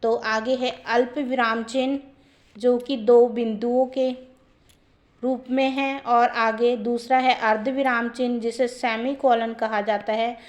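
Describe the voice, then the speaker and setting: A woman's voice: a little high, flat delivery, takes it slowly. A woman teaching a grammar lesson who explains step by step and repeats her points.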